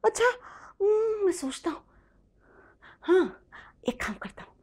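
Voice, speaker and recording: A woman's voice: very high-pitched, slow pace, pitched above the performer's own voice. A woman voicing a young schoolboy who fusses over and coos at his crying baby brother in a children's story. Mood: coaxing. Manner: coaxing, cooing to a crying baby.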